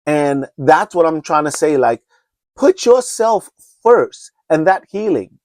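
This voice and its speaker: Speaking slowly in a sing-song way, this podcast host has a darkish voice on the high side, captured in a dry recording. He's a Trinidadian man in his 50s doing solo, unscripted talk, earnest and rambling, often restarting and pressing his listeners like a preacher.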